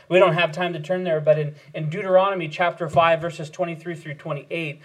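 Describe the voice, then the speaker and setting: Earnest preaching man, slightly high voice. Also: poor audio. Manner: earnest preaching with rhetorical questions and repeated phrases. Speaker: pastor. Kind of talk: sermon.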